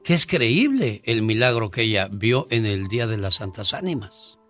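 A man hosts a call-in radio show, greeting callers and moving things along with short, friendly prompts. His voice sits on the low side, with soft music underneath. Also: sing-song, moderate pace. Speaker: radio host.

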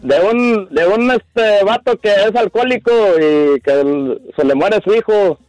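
A Mexican man phones in to a radio show in quick, slangy, chummy bursts. His voice sits high, and the sound is dry and close with faint music under it. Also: lively intonation, darkish tone, no room sound, poor audio. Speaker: radio caller. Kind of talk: casual call-in chat.

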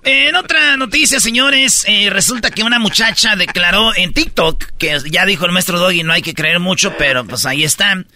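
A man's voice: high voice, moderate pace, hardly any pauses, sharp tone, no room sound. A Mexican man hosting a comedic news chat, slangy and joking, acting out voices. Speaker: host.

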